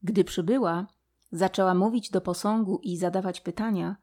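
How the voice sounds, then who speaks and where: A woman narrating a children's story in an expressive, steady reading. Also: mid-range voice, normal speed.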